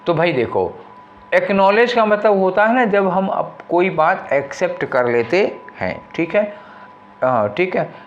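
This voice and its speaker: A man's voice: sits high, animated, a little hiss or hum. Man teaching exam English, dull audio. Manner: explains in Hindi, reads English options slowly; conversational, asks rhetorical questions. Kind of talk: exam paper walkthrough lesson.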